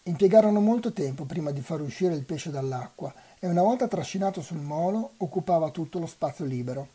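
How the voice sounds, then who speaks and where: A volunteer reader reading a novel aloud for a web radio reading marathon, in an unhurried, even way. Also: mid-range voice, breathy edge.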